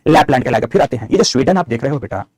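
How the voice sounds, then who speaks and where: A man's voice: mid-range voice, lively intonation, very fast, a little mellow, slightly rough, no room sound. A middle-aged male geography teacher, giving an online map lecture, answering students' chat questions and dictating notes.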